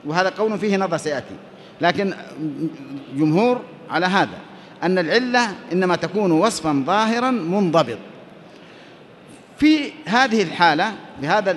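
A teacher of Islamic jurisprudence with a high-pitched, slightly bright voice gives a classroom lecture on Islamic law. He explains step by step, posing questions and then answering them himself. There is slight background noise.

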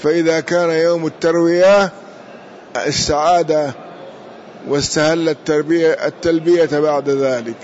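A man's voice: a little high, steady tone, moderate pace, a little mellow, a little hiss or hum. A man teaching a lesson, explaining a classical text and repeating key words to drill their pronunciation, in a muffled lo-fi recording.

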